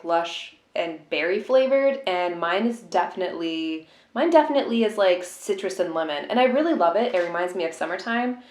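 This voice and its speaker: A woman vlogger chatting casually through an unboxing, in an informal, rambling and musing way. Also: on the low side. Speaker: tea vlogger. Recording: roomy, echoey room sound.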